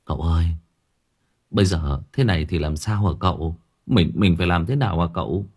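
A man's voice: low-pitched, brisk, darkish tone, husky, pitched below the performer's own voice. A man voicing a timid young male servant who mumbles hesitantly. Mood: frightened.

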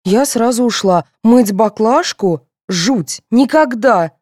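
A woman voicing a brusque middle-aged mother in an audiobook, sharp and dismissive. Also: on the high side, animated, takes it slowly, dry recording, studio quality, voice pushed up. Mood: scornful. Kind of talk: audiobook character voice.

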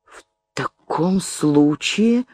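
A woman voicing a stern but anxious society lady who speaks quietly and hesitantly. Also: deep voice, lively intonation, extremely slow, dry recording, heavily acted.

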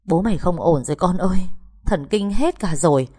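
A tough but tender middle-aged mother from a village, read by a woman narrator, speaking in a low, mellow voice. She talks earnestly and soothes those around her. Audiobook storytelling. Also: expressive, moderate pace, husky. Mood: anxious, soothing.

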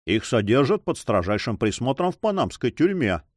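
A man's voice: medium pitch, big pitch swings, moderate pace, no room sound, studio quality. A man voicing a self-satisfied, swaggering Spanish coast guard captain in an audiobook. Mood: boastful.

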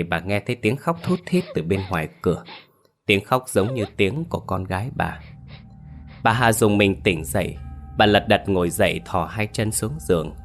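A man narrating a ghost story in a steady, somber storytelling voice. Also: lowish voice. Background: faint music.

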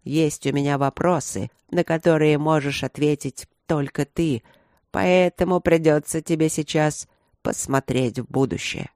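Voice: mid-range voice, unhurried, a little mellow, no room sound, clean studio sound, close to an everyday voice. A reader voicing a cold, ruthless old emperor who speaks in a hard, curt, commanding tone.

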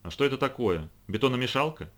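A man voicing a sharp-tongued young woman, the director's niece, in a read-aloud story. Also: mid-range voice, expressive, quick pace, close to an everyday voice. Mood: mocking. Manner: teasing, sometimes shouting.

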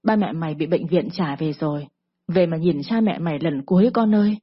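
An older village neighbor speaks with heavy pity, voiced by a woman telling a story. The voice is husky on a dull lo-fi recording. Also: sits low, fairly quick. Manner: pitying.

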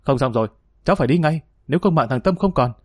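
A decisive young hero, as a male narrator reads him, giving his orders quickly and firmly. The recording is close and dry. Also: on the high side, lively intonation, darkish tone, breathy edge, no echo. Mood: urgent. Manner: urgent, commanding.

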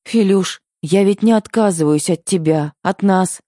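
A man's voice: sits high, unhurried, warm tone, no room sound, studio quality, pitched above the performer's own voice. A man voicing an emotional young wife in an audiobook, pleading and tearful. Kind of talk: audiobook character voice.

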